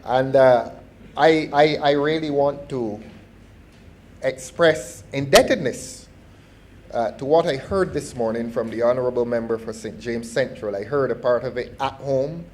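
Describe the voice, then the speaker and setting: A middle-aged man with a Barbadian accent gives a formal parliamentary speech, measured and deliberate, often restarting his phrases. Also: medium pitch, slight background noise. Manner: measured and formal, with repeated false starts. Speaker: member of parliament.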